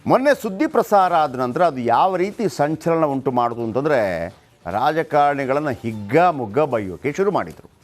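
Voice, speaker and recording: Man, Kannada accent, news anchor, animated, sarcastic, slightly high pitch. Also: normal speed, soft background music. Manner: emphatic, sarcastic, mimics officials. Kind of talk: animated studio news presentation.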